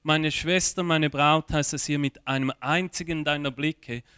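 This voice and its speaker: A man preaching a sermon, slow and earnest, rising in emphasis at key points. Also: on the high side, steady tone, pushed and bright, clear, resonant tone, no room sound, clean studio sound.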